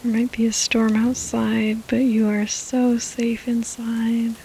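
A woman guides a sleep meditation in the soothing manner of a bedtime narrator. Her breathy, whispery voice is mellow and sits slightly high for a woman. She speaks very slowly, leaving gentle pauses over the sound of rain. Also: little pitch movement, slight background noise, low-quality recording. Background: rain sounds and faint music.

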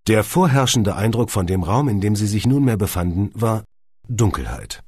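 A low-pitched man reads an audiobook in a lively, animated way with wry storytelling. His voice is husky and the sound is dry and close. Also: moderate pace, no echo. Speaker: audiobook narrator. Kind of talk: audiobook reading.

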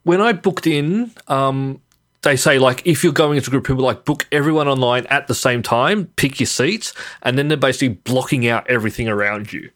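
A man's voice: medium pitch, brisk, a bit bright. A man co-hosting a podcast in a casual, conversational style. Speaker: podcast co-host. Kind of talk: casual chat.

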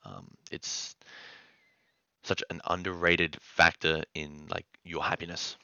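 A man's voice: sits low, level tone, slow, gravelly, sharp tone, no echo, muffled recording. A young man talking as a podcast guest in casual chat, earnest and upbeat, often adding "man". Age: young adult. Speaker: podcast guest, gym content creator.

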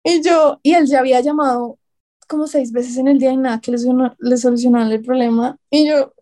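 A woman's voice: high voice, fairly even intonation, fairly quick, warm tone. A young Colombian woman with a Colombian accent, a guest and writer, telling stories in casual conversation. She acts out what people said and often laughs. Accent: Colombian Spanish.

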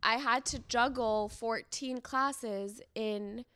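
A woman's voice: a little high, steady tone, bright, forceful tone, smooth. A woman from San Diego, a guest on a podcast, telling her story openly in a casual chat. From San Diego, USA. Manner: open, storytelling, quick bursts. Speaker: podcast guest, content creator.

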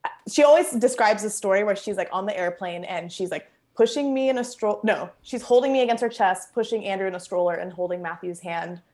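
A young woman, born in Bangkok and raised in Los Angeles, chats casually as an interview guest at home, with a kitchen nearby. Her medium-pitched voice has a darkish tone and moves fairly quickly. She laughs easily and uses lots of fillers.

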